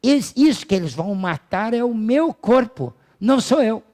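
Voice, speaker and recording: A man's voice: sits high, lively intonation, darkish tone, voice pushed up. A man playing a serene old philosopher. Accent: Brazilian Portuguese. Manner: slow, solemn, measured delivery. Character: calm condemned old philosopher, serene and certain.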